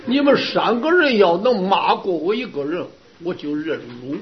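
A man, a Buddhist Dharma teacher, giving a sermon to his students with lively storytelling and rhetorical questions. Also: high voice, moderate pace. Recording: dull lo-fi recording.

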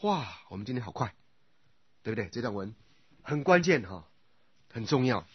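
Husky-voiced man teaching Buddhist scripture. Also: medium pitch, sing-song, no echo, dull audio. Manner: often checks with listeners by asking "right?"; recites sutra phrases in slow repeated cadence. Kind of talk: sutra lecture.

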